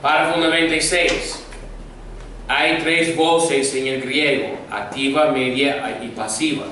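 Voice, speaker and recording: A male teacher giving a Koine Greek grammar lesson, speaking slowly and patiently and having the class repeat each word. His voice is a little high, and he is recorded from far off in a very echoey room with faint noise behind him. He carefully explains verb endings and meanings. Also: fairly even intonation, sharp tone. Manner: slow, patient drilling with repeat-after-me prompts.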